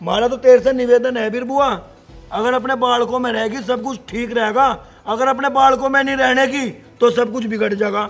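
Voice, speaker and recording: A man's voice: extremely high pitch, steady tone, normal speed, faint music behind. An actor with a Haryanvi accent playing a blunt villager who lectures his sister at length in rustic dialect. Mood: lecturing.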